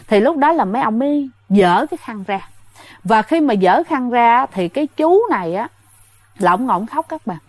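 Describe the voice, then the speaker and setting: A woman tells a ghost story in a relaxed, conversational way, with plenty of fillers and frequent asides to her listeners. Her voice sits a little higher than most women's and is recorded dry and close, with almost no room sound. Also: no echo. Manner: chatty, addresses listeners directly, many fillers. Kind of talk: casual spoken storytelling.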